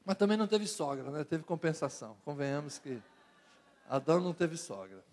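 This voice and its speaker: A middle-aged Brazilian pastor with a Brazilian Portuguese accent preaches to a youth audience. He talks in a loose, conversational way, mixing jokes with rhythmic repeated phrases, and his voice sits a little high for a man. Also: expressive, fairly quick, a little mellow. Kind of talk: sermon to young people.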